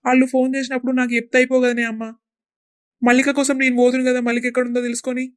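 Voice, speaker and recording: A woman's voice: high voice, little pitch movement, racing, clean tone, natural voice. A woman voicing a worried young village husband in a cartoon, pleading anxiously in a Telangana Telugu accent.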